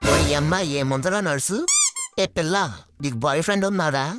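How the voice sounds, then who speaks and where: A woman's voice: deep voice, brisk, over loud music, natural voice. A woman voicing a hot-tempered, insulting young man in a cartoon. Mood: angry, insulting. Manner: shouting insults, blunt.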